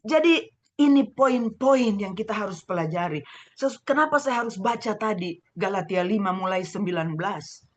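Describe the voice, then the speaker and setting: A middle-aged woman pastor from Manado with a Manado Indonesian accent, preaching a sermon over a video call, fervent and swinging between loud exclaiming and hushed asides. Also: mid-range voice, expressive, normal speed. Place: home room, husband preaching next door.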